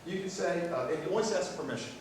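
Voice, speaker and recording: An older male pastor preaching in a folksy, storytelling way, his voice a little higher than most men's. It was recorded from far back in a very echoey church, and noisy room sound hangs behind him. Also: fast. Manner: folksy storytelling with light humor. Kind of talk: sermon. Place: church sanctuary.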